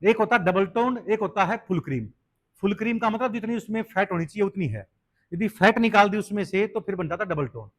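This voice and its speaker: High-voiced male biology teacher. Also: animated, fairly quick. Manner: explains step by step, asks students questions; mixes English terms into Hindi teaching. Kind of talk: exam-prep lecture.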